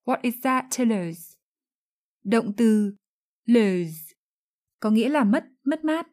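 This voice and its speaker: Calm woman teaching English phrases. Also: fairly high pitch, slow pace. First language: Vietnamese. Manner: calm, clear, careful enunciation of English examples. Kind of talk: explaining English phrases in a lesson.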